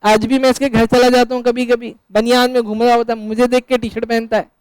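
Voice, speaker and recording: A male teacher with a very high, smooth, resonant voice lectures a class live. He fires questions and answers them himself, and he keeps up a teasing, chatty banter with his students. The sound is dry and close. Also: flat delivery, quick pace, dry recording, rough recording.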